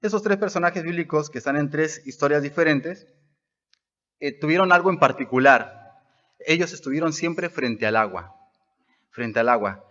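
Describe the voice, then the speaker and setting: A male pastor preaches a sermon with a fairly high voice, leaning hard on key words and then letting his voice sink low for emphasis. The recording sounds dull and muffled, like a lo-fi capture of a church service. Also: normal speed, pauses often, a bit bright. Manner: emphatic, rising and dropping for stress.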